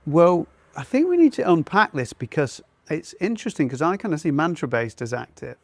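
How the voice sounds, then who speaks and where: A man who teaches mindfulness, talking it through in a relaxed conversation and feeling his way toward each idea. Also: a little high, brisk, dry recording. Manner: thoughtful, searching for words. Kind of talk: conversational discussion.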